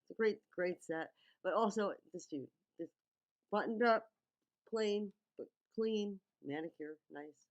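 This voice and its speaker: With an unhurried pace and a medium-pitched voice, a female video commentator talks through a music video's visuals. Her running commentary is casual and teacherly, often pausing to check in with "okay" or "right." The sound quality is lo-fi.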